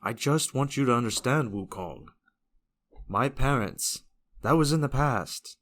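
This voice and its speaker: For an audio drama, a man with a mid-range, slightly bright voice plays a blunt, young-hearted fantasy hero who is socially naive and grieving. He talks unhurriedly, formally and very literally, his lively intonation moving widely and carrying an earnest weight. The mood is sombre and earnest.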